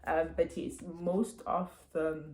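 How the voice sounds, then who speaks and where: Low, mellow South African woman. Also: level tone, takes it slowly, a little hiss or hum, rough recording. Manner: earnest, explanatory, gives examples. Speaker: parent reviewing books. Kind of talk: casual book review to camera. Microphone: wireless earbuds.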